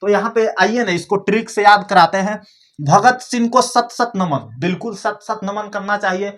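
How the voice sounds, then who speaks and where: A man's voice: sits high, moderate pace, a bit bright. A man teaching an exam-prep lesson in a chatty, coaxing way, repeating each memory trick several times.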